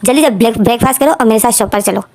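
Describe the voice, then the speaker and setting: Stern dismissive dad, lecturing, woman reading him in a mellow voice. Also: a little high, very fast, slight background noise, natural voice. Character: stern middle-aged father, dismissive and lecturing.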